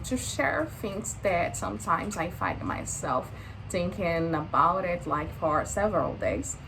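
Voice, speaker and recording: There's background noise as a woman with a mid-range voice, in her late twenties and with a Brazilian Portuguese accent, talks casually to the camera without a script. As a vlogger she sounds hesitant, leaning on lots of fillers.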